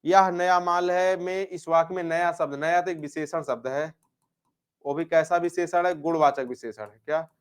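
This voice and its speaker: Here the Hindi grammar teacher sounds a little high, with a steady tone, a clean sound and a normal pace. Going through exam questions, he says each answer twice over, asks "क्या?" before supplying the answer, and addresses students with affectionate nicknames.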